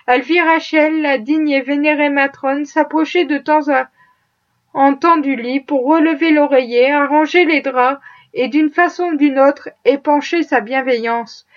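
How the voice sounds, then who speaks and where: A woman narrating a classic novel as an audiobook, with an expressive storytelling manner. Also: high-pitched, a little slow. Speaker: audiobook reader. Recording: muffled lo-fi audio.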